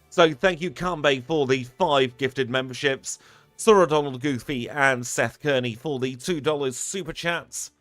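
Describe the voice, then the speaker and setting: A man's voice: medium pitch, fairly bright tone, no echo. Chatty man streaming a game. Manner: chatty, upbeat, thanks viewers one by one. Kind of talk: live stream sign-off chat.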